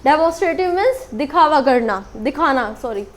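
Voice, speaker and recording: A woman with a high voice gives a casual spoken English lesson to camera. She explains patiently, repeating each word, and fills pauses with soft hesitations. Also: lively intonation. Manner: explains slowly, repeats words with many fillers. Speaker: English teacher. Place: small room with a board. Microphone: camera on a tripod.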